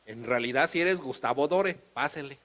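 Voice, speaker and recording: A man's voice: medium pitch, moderate pace, a bit bright, natural voice. A man with a Mexican accent voicing a stubborn customs officer. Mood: conceding. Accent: Mexican Spanish. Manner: curt, stubborn.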